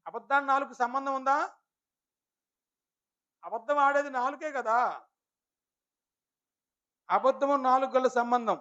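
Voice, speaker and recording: A man's voice: very high-pitched, fairly even intonation, unhurried, long pauses, pushed and bright, smooth. A man preaching a sermon to a village church congregation, firing rhetorical questions at his listeners and addressing them politely. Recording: dull lo-fi recording.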